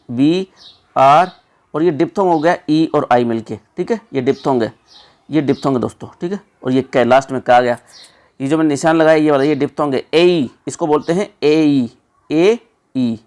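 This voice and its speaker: A man's voice: mid-range voice, fairly quick, darkish tone. A man, teaching as an exam prep tutor and explaining the answers step by step. He keeps repeating words and checks in with his listeners again and again. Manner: repetitive, checks in with 'theek hai' and 'doston'.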